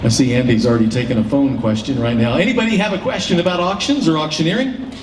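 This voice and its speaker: A man's voice: on the high side, fast talker. A man hosting a public event, explaining things to an audience in a folksy way. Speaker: auctioneer and event emcee. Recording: roomy PA sound, distant, faint noise.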